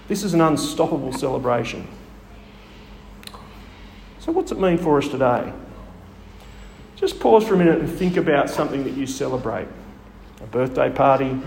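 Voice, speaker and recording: Preacher, animated storyteller, fairly high voice; recorded in a reverberant hall. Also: male voice, creaky, slight background noise. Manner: storytelling, rhetorical questions. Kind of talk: sermon. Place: church hall. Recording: echoey hall with long reverb.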